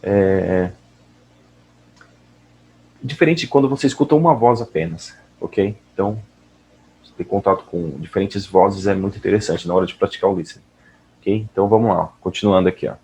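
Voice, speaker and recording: A man with a fairly low voice gives a casual lesson on listening practice. He talks in a relaxed way and keeps checking in with his listeners. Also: a little fast, long pauses, a little hiss or hum. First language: Portuguese. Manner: relaxed, often asks "ok?" and "né?". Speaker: English teacher.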